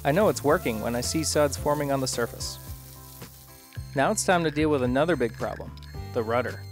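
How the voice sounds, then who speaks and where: Calm male host narrator, thirties, even mid-range voice, light music behind. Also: mid-range voice, a little fast. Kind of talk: scripted voice-over narration.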